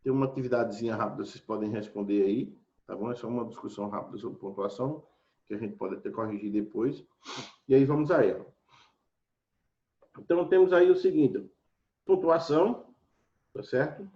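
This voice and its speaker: A man's voice: mid-range voice, brisk, pauses often, mellow. Man teaching grammar in an echoey room. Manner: casual teacherly, frequent "tá certo?" check-ins. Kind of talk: recorded online grammar lesson. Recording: echoey dull lo-fi room recording.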